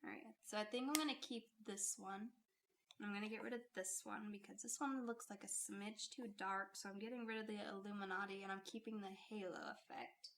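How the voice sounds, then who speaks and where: A beauty YouTuber hosts a casual, chatty makeup vlog in a friendly, mid-range, fairly bright voice, speaking steadily and fairly quickly. She is recovering from an illness, so her voice still sounds a little off, and there is slight hiss or hum.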